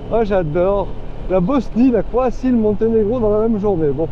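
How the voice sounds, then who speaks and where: A man's voice: high-pitched, highs cut off, noisy background. A man giving live, chatty commentary to himself and his viewers while riding a motorcycle, full of fillers and asides. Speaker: motorcycle vlogger. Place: on a motorcycle outdoors on the road.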